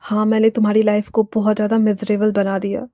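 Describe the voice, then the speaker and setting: A woman voicing a young mafia man who speaks softly and earnestly, ready to sacrifice himself. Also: medium pitch, completely flat delivery, fast, no room sound, natural voice. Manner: soft, quiet, earnest.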